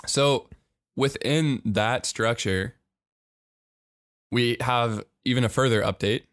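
A man's voice: mid-range voice, slow pace, fairly bright tone, dry recording, studio quality. A man co-hosting a casual podcast, talking in a hyped, announcer-like way. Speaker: podcast co-host.

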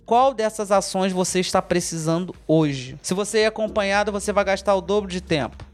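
A man's voice: high voice, brisk, faint music behind. A Brazilian man hosting a motivational podcast, emphatic and repetitive, speaking straight to the listener as a mentor. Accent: Brazilian Portuguese.

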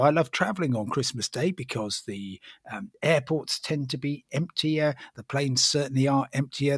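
A man's voice: mid-range voice, husky, no room sound, studio quality. A man co-hosting a podcast about travel, reading listener messages and telling his own stories with wry understatement. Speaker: podcast co-host. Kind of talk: casual podcast chat.

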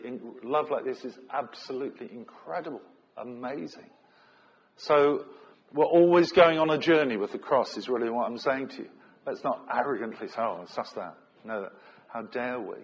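Earnest preacher, husky lo-fi. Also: male voice, mid-range voice. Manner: earnest, conversational preaching with rhetorical questions. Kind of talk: sermon. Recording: dull lo-fi recording.

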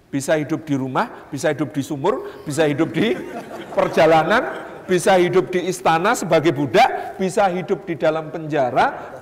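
A man preaching a humorous mosque lecture, telling stories lively and acting out the people in them. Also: high voice. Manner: lively storytelling, acts out quotes, jokes. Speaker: Islamic preacher. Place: large mosque hall. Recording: reverberant hall, faint ambience.

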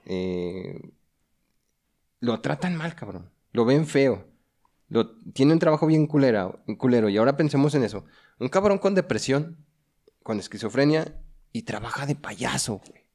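A man's voice: medium pitch, expressive, moderate pace, long pauses, a little mellow. A man with a Mexican Spanish accent chatting casually about a film, slangy and full of storytelling energy.

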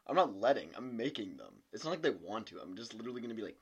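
A man's voice: fairly low pitch, very animated, rapid-fire, husky. A young man co-hosting a casual podcast, joking and laughing often. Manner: giggly, jokey, laughs often. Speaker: podcast co-host. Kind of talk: casual chat.

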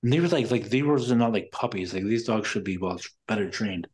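A man's voice: lowish voice, expressive, brisk, a little mellow, slightly rough. A man telling a long story in casual chat, rambling and swearing, exasperated with careless people. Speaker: podcast guest.

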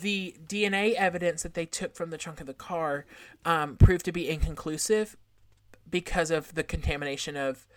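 A woman's voice: deep voice, normal speed, no room sound. Woman, podcast host, true-crime narration from notes, conversational, casual asides, slightly imprecise R sounds, dry close recording. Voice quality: trouble pronouncing R sounds.

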